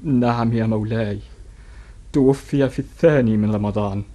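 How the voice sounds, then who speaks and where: Mellow actor playing a sorrowful messenger. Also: male voice, lowish voice, moderate pace, natural voice. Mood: mournful. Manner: formal, mournful. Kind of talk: historical drama in classical Arabic.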